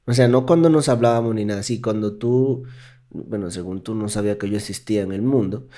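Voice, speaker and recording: A man with a Dominican accent, chatting as a podcast co-host. His voice is mellow and warm. He tells stories in an animated way and laughs often. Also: on the low side, brisk. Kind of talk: casual chat.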